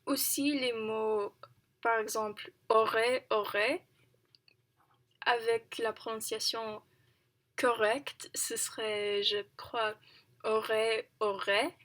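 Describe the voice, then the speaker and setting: A young woman in her 20s, a language learner vlogger, practices speaking in a casual monologue to camera. She's slow, hesitant and halting, laughs often, corrects herself and searches for words. Her voice is a little high and a bit bright, with a steady tone.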